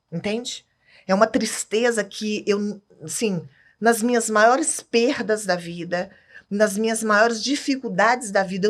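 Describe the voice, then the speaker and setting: A Brazilian woman talking as a podcast guest, emphatic and candid, often checking that the listener follows. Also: a little high. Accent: Brazilian Portuguese. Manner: emphatic, keeps asking "entende?".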